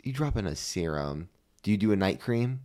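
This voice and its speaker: A man's voice: lowish voice, lively intonation, moderate pace, darkish tone. A man co-hosting a podcast in casual chat, blunt and teasing, swearing freely. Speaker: podcast co-host.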